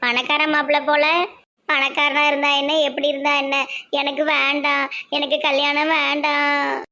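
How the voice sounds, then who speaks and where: A woman voices an anxious young college girl in a cartoon, speaking softly and tearfully. Her Tirunelveli accent colours every line, and her voice sits fairly high. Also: monotone, moderate pace, highs cut off. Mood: despairing. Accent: Tirunelveli Tamil. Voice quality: soft, tearful. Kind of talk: cartoon voice acting.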